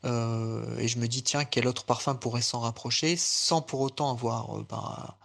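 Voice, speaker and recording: A man's voice: mid-range voice, fairly even intonation, moderate pace, creaky, a bit bright. A man co-hosting a podcast in casual chat, searching for words as he explains. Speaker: podcast co-host.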